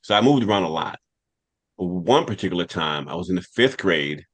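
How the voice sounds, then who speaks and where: A man's voice: sits low, lively intonation, brisk, husky. A man hosting a podcast and telling a rambling personal story from childhood, with a New York accent. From United States. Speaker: podcast host. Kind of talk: casual storytelling.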